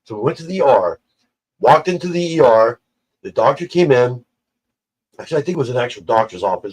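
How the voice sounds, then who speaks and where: A man's voice: medium pitch, darkish tone, husky, low-quality recording. A man telling a personal story in casual chat on a livestream, acting out the people he quotes. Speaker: livestream guest.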